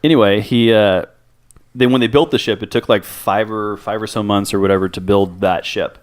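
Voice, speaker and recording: Low-voiced man, swearing movie chat. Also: moderate pace. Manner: swears freely, animated and rambling. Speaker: podcast co-host.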